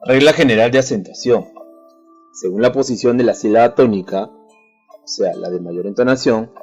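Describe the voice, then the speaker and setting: A man with a Peruvian Spanish accent teaches a school lesson on the radio, explaining each point slowly and speaking to the students directly. His voice is mellow and a little husky. The sound is dull and lo-fi, with faint music underneath. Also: mid-range voice. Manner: clear, deliberate explaining, addressing students directly.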